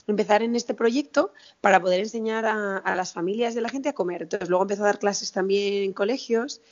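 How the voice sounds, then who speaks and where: A woman's voice: mid-range voice, brisk, muffled recording. A woman in her thirties from Spain, telling a story as an interview guest in a chatty way, with many restarts and quoted dialogue. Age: 30s. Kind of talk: casual interview chat.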